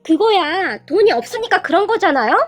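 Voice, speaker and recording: A woman's voice: very high voice, big pitch swings, normal speed, pitched above the performer's own voice. A woman voicing a stubborn young daughter who talks back with sarcastic, cutting remarks.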